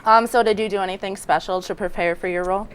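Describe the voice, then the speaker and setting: A woman's voice: mid-range voice, fairly even intonation, fast talker, clear, resonant tone. A woman hosting a student TV interview, asking short questions in a brief, encouraging way.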